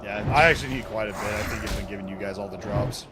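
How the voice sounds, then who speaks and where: A man's voice: on the low side, quick pace, over loud music. A man who makes online videos, chatting casually while gaming, rambling and swearing freely. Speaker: content creator.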